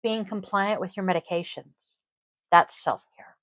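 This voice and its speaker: A woman's voice: medium pitch, measured pace, fairly bright tone, no room sound. A middle-aged woman hosting a podcast in casual chat, chatty, laughing often and swearing casually. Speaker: podcast host, yoga teacher.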